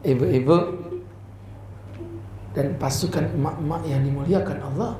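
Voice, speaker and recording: A man preaching a humorous religious lecture, lively and joking, who switches between slow chanted recitation and chatty talk. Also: a little high. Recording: echoey room with faint background noise.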